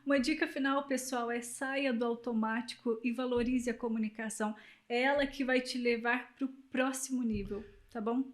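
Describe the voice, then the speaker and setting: Brazilian woman, high voice, coaching people on how to talk, punchy and emphatic. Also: fairly even intonation, moderate pace. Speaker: guest, communication specialist and public speaker. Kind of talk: interview advice.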